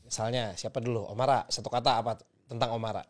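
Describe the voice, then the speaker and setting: A man's voice: mid-range voice, steady tone, fast talker. A man hosting a podcast, asking playful, teasing questions in casual chat. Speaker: podcast host.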